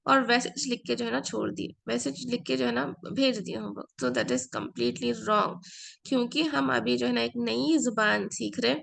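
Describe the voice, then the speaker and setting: A woman's voice: a little high, steady tone, normal speed, gravelly, a bit bright. A woman teaching an Arabic class, explaining patiently, repeating key words and slipping into English phrases; her first language is Urdu. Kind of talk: online class lecture.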